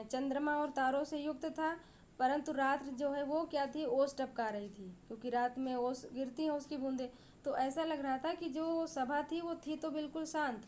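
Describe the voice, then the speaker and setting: A woman's voice: high voice, a little mellow, slight background noise. A woman teacher explaining a classic Hindi poem line by line, reading verses and then paraphrasing them with frequent fillers. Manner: reads verses aloud, then paraphrases in plain words with many fillers.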